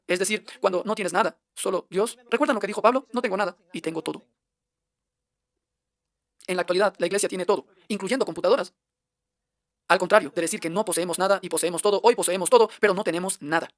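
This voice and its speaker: A man's voice: high voice, very fast, no room sound. A man preaching a translated sermon, emphatic and firing off one rhetorical question after another.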